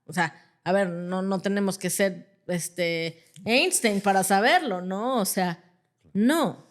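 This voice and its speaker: A woman, a clinical psychologist explaining calmly with everyday examples and checking in with "ajá". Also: mid-range voice, takes it slowly. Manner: acts out quoted parents in a different voice. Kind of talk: conversational explanation.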